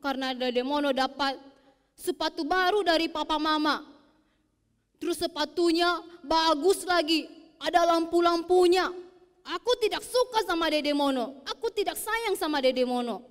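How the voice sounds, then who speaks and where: A jealous older boy, bratty and gloating, as a woman storyteller puts him on. His voice sits very high and sounds childish. A long hall reverb trails every phrase. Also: moderate pace. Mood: sulky. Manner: gloating, sulky.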